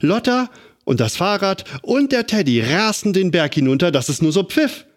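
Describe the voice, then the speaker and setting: Guy reading a kids' storybook aloud, pitch jumps all over, very animated. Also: moderate pace. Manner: animated, dramatic build-ups.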